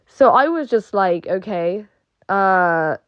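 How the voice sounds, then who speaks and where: A young woman with a British accent, not British herself but living in England after moving there, rants casually, swearing often, leaning heavily on "like," and mocking the voices of people she argues with. Her medium-pitched voice is smooth, lively in intonation, and slow, in dull audio with no echo.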